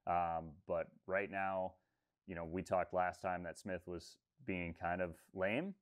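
Man, 30s, very low voice, laid-back rambling, many ums, video call webcam. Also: slow pace. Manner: relaxed, rambling, many fillers. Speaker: fishing guide. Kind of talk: casual interview talk. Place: room with textured ceiling.

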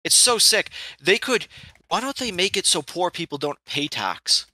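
A man's voice: sits high, expressive, normal speed, pushed and bright, no room sound. A man talking like a radio show caller in a heated political debate, opinionated and often breaking in with rants.

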